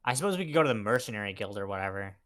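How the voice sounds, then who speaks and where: A man's voice: fairly low pitch, expressive, rapid-fire, a bit bright. A man chatting casually and jokingly with friends during a tabletop role-playing game, bantering and swearing freely. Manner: profane, bantering. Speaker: tabletop role-play player.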